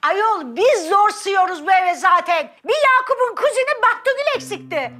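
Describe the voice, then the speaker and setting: An actress playing a scolding, sharp-tongued mother in her forties in a sitcom. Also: very high voice, expressive, moderate pace, faint music behind, exaggerated voice. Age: 40s. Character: sharp-tongued middle-aged woman, protective mother. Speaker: stepmother. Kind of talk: sitcom acting.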